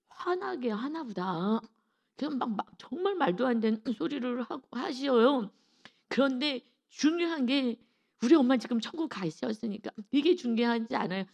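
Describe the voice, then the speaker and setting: Earnest woman with a gravelly voice. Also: a little high, a little mellow. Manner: earnest, storytelling, rambling. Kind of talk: testimony in an early-morning sermon. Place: church sanctuary.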